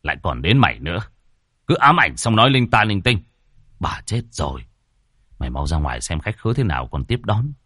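A man playing a gruff scolding father. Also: low-pitched, very animated, brisk, pushed and bright, no echo, clean studio sound, exaggerated voice. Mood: irritated, stern. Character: stern irritated middle-aged father.

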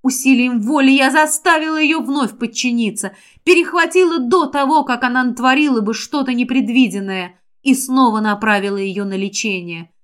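High-voiced woman narrating an audiobook. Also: moderate pace, hardly any pauses. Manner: emotional, expressive reading that rises sharply in distress. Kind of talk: first-person fantasy audiobook narration.

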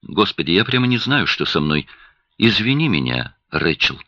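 A man's voice: deep voice, big pitch swings, moderate pace, sharp tone, no room sound, lo-fi sound, heavily acted. Man voicing a weary, guarded young father. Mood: tense. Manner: guarded, tense, short-tempered.

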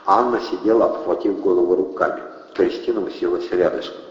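A man narrating an audiobook with an expressive delivery. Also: deep voice, fairly quick. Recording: echoey reverberant dull lo-fi.

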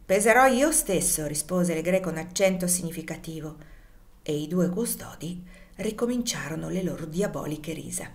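A woman narrating a classic novel as an audiobook reader, in a measured, expressive reading. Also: sits low. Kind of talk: scripted literary narration.

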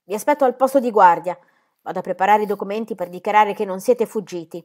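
A woman reading the part of a greedy, threatening male mine overseer in a storybook, speaking loudly and bullying. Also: mid-range voice, fast talker, close to an everyday voice. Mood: menacing. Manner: loud and bullying.

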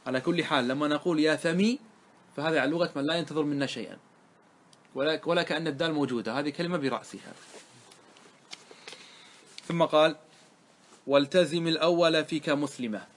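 This grammar lesson features a man dissecting a classical poem line by line, asking his listeners questions he then answers himself and slowing down for the quoted verses. His voice sits on the high side with a fairly bright tone.

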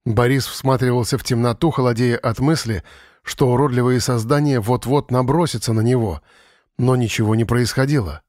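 A man's voice: medium pitch, normal speed, a little mellow, dry recording. Man narrating in a dry close voice. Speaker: audiobook narrator. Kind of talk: scripted narration.

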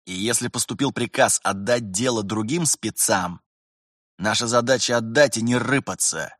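A gruff, world-weary veteran officer with a low, grumbling voice, as a male narrator puts him on. He speaks in curt, clipped orders and slides into long lectures. The sound is close and dry. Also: moderate pace, a bit bright, dry recording. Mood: lecturing.

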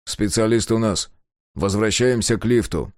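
A man voicing a grim, restrained young male warrior who speaks slowly and quietly. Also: no echo, clean studio sound, lightly acted. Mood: cold. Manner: slow, low, restrained.

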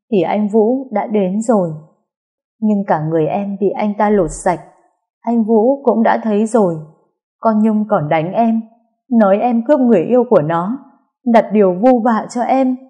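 A woman's voice: mid-range voice, measured pace, warm tone, husky. A woman voicing a distraught young woman, the narrator's younger sister, pleading through tears in a storybook reading. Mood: tearful. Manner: tearful, pleading.

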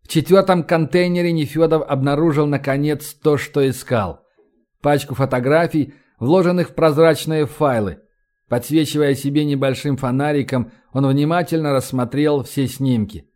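A man narrating an audiobook in an even, measured reading. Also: fairly high pitch. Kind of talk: scripted narration.

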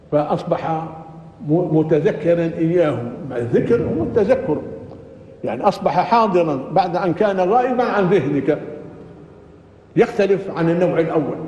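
A man teaching Quran exegesis, explaining terms slowly and carefully with everyday examples. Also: high voice, mellow. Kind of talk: religious lecture. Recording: echoey hall, dull lo-fi sound.

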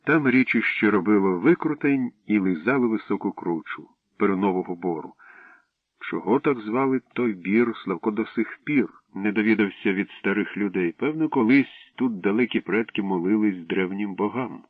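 Low male storyteller, steady reading, dry thin radio sound. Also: normal speed, dry recording. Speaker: audiobook reader. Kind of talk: storytelling narration. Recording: dry tinny radio broadcast.

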